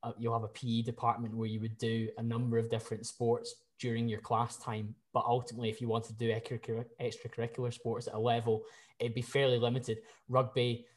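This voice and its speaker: A man's voice: medium pitch, a little mellow. A man from the UK hosting a podcast interview, posing structured questions in a friendly way. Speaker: podcast host.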